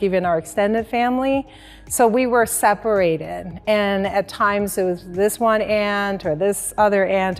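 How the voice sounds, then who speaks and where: A woman's voice: mid-range voice, in a large hall. A woman in her forties from the Dominican Republic, a life coach, telling her life story in an earnest, reflective way. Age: 40s. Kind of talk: personal story in an interview.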